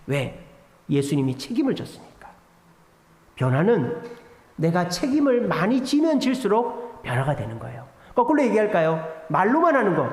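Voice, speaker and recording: A man's voice: high voice, darkish tone. A male pastor preaching a sermon in a church, asking the congregation rhetorical questions and answering them himself, and acting out quoted speech with dramatic voices. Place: church sanctuary. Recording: echoey hall with long reverb.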